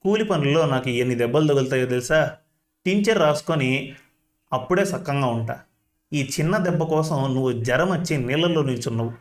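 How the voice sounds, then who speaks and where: Give me a man playing a caring village laborer from a storybook, explaining gently. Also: medium pitch, fairly quick, natural voice. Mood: gentle. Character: caring laborer husband, plain-spoken.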